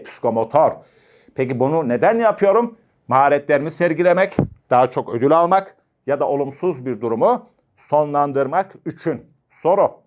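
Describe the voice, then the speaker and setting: Guy teacher doing exam prep, voice jumps all over, cracks little jokes. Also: medium pitch. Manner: animated, asks and answers his own questions, jokey asides.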